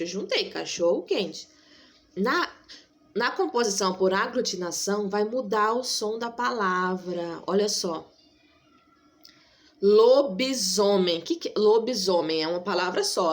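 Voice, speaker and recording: Patient woman teacher explaining grammar. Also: medium pitch. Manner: patient, repeats key points with frequent "tá?" check-ins; stretches out example words slowly for emphasis. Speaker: school teacher. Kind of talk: recorded online grammar lesson.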